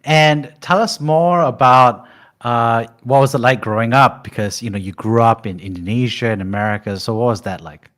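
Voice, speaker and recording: A man's voice: mid-range voice, moderate pace, fairly bright tone. A man hosting a podcast, upbeat and enthusiastic, with frequent "uh" fillers as he asks his questions. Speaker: podcast host. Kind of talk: casual interview hosting.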